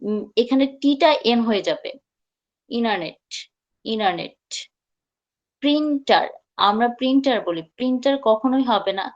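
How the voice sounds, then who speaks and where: A woman teaching English pronunciation in an online live class, patiently repeating words slowly and mixing in English phrases. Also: fairly high pitch, lo-fi sound.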